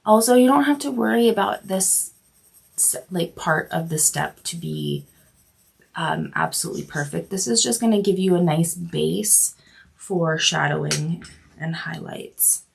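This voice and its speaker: Lady with a cold doing a live drawing lesson, slow, gravelly husky voice, lots of ums. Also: on the low side. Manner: chatty, apologetic, hesitant with fillers. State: has a cold, coughing. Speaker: art instructor. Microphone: livestream setup.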